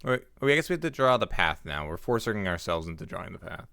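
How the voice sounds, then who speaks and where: A man with a lowish, gravelly, sharp-toned voice talks fast in a sing-song way through a headset mic, recorded clean and dry. He's livestreaming a card game, giving live gameplay commentary and reacting aloud to both the game and his chat.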